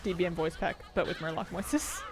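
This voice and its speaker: Game music and sound effects sit behind a woman whose lowish voice swings widely in pitch as she talks briskly, with background noise. She is streaming a game, thinking aloud and rambling in a relaxed, conversational commentary.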